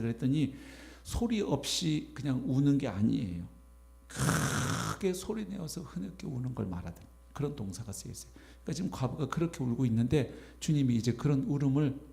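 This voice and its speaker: A man preaching a sermon as pastor, animated, acting out imagined voices as he goes. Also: mid-range voice, creaky. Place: church sanctuary.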